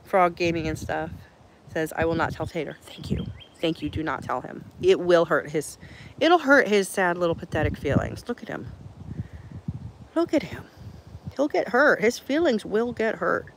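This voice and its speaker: A woman's voice: fairly low pitch, lively intonation, normal speed, slight background noise. A woman chatting casually on a live stream while she tends her horses outdoors, answering viewers and cooing at the animals in baby talk.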